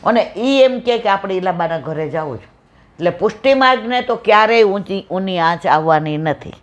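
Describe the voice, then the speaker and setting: A woman with a Saurashtra Gujarati accent leads a devotional satsang at home, telling a temple story and slipping into each character's lines. Her voice sits in a middle register, and the recording sounds dull and lo-fi. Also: mid-range voice. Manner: animated storyteller, acts out dialogue, affectionate devotional tone. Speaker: satsang speaker. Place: home room with visiting devotees.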